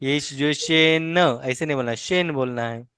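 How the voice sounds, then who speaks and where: A woman's voice: deep voice, fairly bright tone, clear, resonant tone, no echo, studio quality. A woman teaching a language lesson, patiently modelling and correcting pronunciation word by word. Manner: corrects and models words slowly, repeating each.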